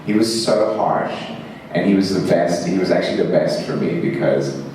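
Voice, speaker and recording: A man's voice: deep voice, moderate pace, a little mellow, far from the mic, a little hiss or hum. A man from Zimbabwe, an actor answering fan questions at a convention panel, rambling and self-mocking with frequent laughs and fillers. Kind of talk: convention Q&A storytelling. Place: large convention hall. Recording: echoey hall, mic heard from afar.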